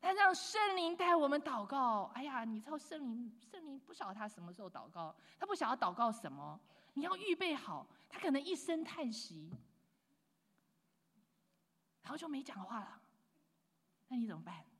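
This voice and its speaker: Woman preacher, sermon, raised voice, loud bursts and soft asides, English phrases mixed in, long reverb from a big church hall. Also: high-pitched, very animated, moderate pace. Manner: swings between loud emphatic lines and hushed asides.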